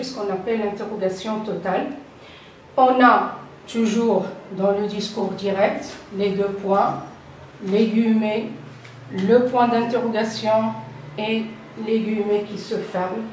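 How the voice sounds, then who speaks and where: An older woman teaches grammar at an unhurried, deliberate pace, repeating each key term. Her voice sits a little high. It echoes around a bare room and sounds like it comes from a few steps back from the mic. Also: a little mellow, distant mic, slight background noise. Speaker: French teacher. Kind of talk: classroom grammar lesson.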